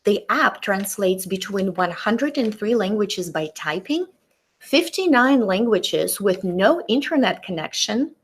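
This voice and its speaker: A middle-aged teacher, a native Russian speaker with a Russian accent, carefully walks through a tool on screen during a webinar, recorded on a computer mic. Her medium-pitched voice is expressive with a breathy edge, and her manner is deliberate.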